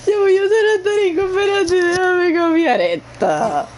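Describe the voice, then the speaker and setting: A woman's voice: very high-pitched, very animated, moderate pace, heavy background noise. A woman making a gameplay reaction video, emotional and crying out over and over. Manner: emotional, exclaims and wails repeatedly. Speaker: gaming video creator.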